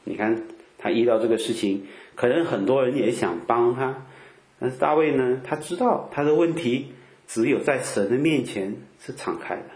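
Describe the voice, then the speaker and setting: A man preaching in a relaxed, conversational way, filling his talk with drawn-out "ah" sounds and rhetorical questions. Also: medium pitch, echoey room. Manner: chatty, peppers speech with drawn-out "ah" fillers and rhetorical questions. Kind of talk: conversational Bible teaching.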